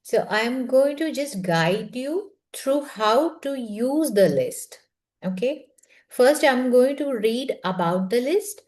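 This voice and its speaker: A woman, slowly reading a self-help book aloud and guiding a listening group through an affirmation in a soft, measured voice. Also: on the high side, lively intonation. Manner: slow, soft and measured, with quiet half-whispered phrases. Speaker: book reading session leader.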